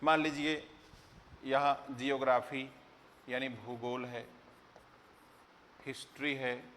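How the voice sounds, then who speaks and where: A man's voice: medium pitch, little pitch movement, slow pace, fairly bright tone, a little hiss or hum. A middle-aged man teaching exam candidates, explaining with rhetorical questions and recited verse. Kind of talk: lecture to exam students. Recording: long hall reverb.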